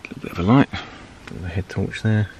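A man's voice: sits low, quick pace, darkish tone. A man in his fifties talking casually to a handheld camera at a campsite and by a mountain lake, with chatty, self-deprecating asides. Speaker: vlogger. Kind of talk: casual outdoor vlog. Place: campsite and mountain lakeside outdoors, and inside a small tent. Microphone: handheld camera at arm's length. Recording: outdoor camera audio with clear wind and ambient noise.

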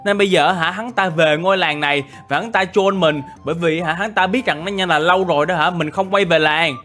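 A young man with a slightly high voice, narrating a game story in a lively, chatty way full of surprised exclamations. Faint music plays softly under his talk. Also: brisk. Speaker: gaming YouTuber.

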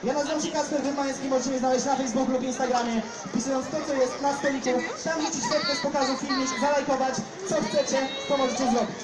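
A young man performing as a street juggler, joking with the crowd and giving quick instructions to volunteers in an outdoor square. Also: very high voice, fairly even intonation. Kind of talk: live street show patter to a crowd. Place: large outdoor town square with a big crowd. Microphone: no mic, caught by a phone camera in the audience. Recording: distant, echoey, loud crowd noise.

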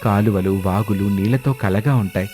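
Worried village farmer, deep and pleading, for a cartoon story; a man voices him. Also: normal speed, mellow, faint music behind, lightly acted. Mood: hopeful.

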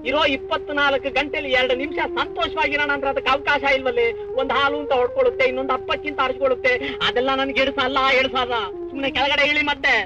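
A man's voice: very high-pitched, little pitch movement, fast. An actor playing a bossy, impatient middle-aged husband and father who scolds his wife. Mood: scolding. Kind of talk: 1960s film acting. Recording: dull old film soundtrack with music.

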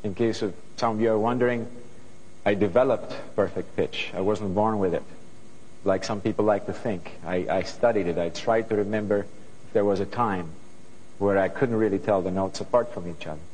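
A man's voice: on the low side, normal speed, darkish tone, husky, long reverb tail, rough recording. A middle-aged man with a Greek accent, speaking earnestly to a student audience on a studio stage through a lapel mic and often restarting his sentences. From Greece. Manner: earnest, thoughtful, with frequent restarts. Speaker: guest composer.

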